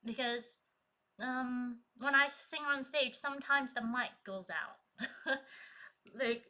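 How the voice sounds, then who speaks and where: Slow and bright, her high voice carries a forceful, trained singer's projection as she chats on her stream, reading viewer messages and frequently laughing. She speaks into a streaming desk mic.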